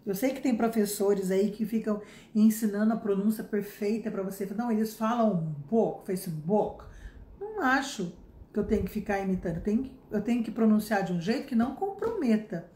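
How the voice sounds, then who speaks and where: A woman's voice: mid-range voice, animated, fairly quick, warm tone, echoey room. A Brazilian woman in her fifties, an English teacher giving a casual spoken lesson, chatty and emphatic with many tag questions. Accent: Brazilian Portuguese. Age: 50s.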